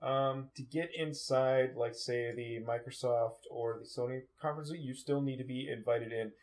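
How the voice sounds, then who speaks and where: A man's voice: mid-range voice, fairly even intonation, moderate pace, a little mellow. Laid-back man in gaming chat. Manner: laid-back, swears casually. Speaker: podcast co-host.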